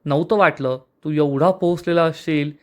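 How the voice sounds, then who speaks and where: A man voicing an angry middle-aged aunt while retelling a TV serial episode, scolding in a sharp manner. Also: fairly high pitch, fairly even intonation, normal speed, close to an everyday voice.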